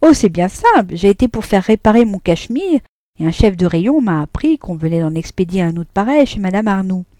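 Woman playing a wronged wife, sharp, accusing, icy, raised voice, dry close sound. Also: mid-range voice, sing-song, a little fast, no room sound, natural voice. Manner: impatient, cold, pointed. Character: wronged wife, impatient, cold and hurt.

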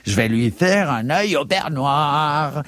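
A man voicing a choleric, bald older male clerk who roars out slow threats. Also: fairly high pitch, expressive, a bit bright, dry recording, voice pushed up. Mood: blustering.

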